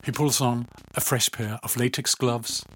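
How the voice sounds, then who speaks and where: A man reading a story aloud in calm, even scripted narration, often low and hushed. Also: a little slow, slight background noise.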